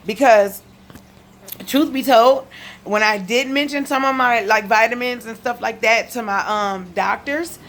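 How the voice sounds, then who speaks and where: Her voice is a little high, steady, unhurried and fairly bright. In her living room, the video blogger with a lisp addresses viewers directly about her health, keeping the chat casual but emphatic and repeating the main points.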